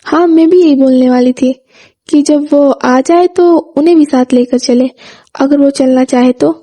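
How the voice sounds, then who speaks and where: A woman's voice: high voice, measured pace, dark tone. Woman voicing a shy, polite young woman. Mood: gentle. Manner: hesitant, polite.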